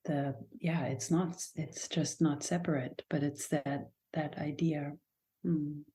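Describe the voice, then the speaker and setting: Speaking slowly in a low, warm voice with fairly even intonation, a German dance and movement teacher reflects as a podcast guest. English is her second language, so she hesitates and often restarts while looking for words.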